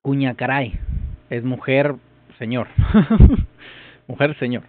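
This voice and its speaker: Slow, hesitant man with a tinny sound. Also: medium pitch, little pitch movement. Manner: hesitant, repeats phrases while puzzling them out. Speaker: vlogger learning a language. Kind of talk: casual thinking-aloud commentary.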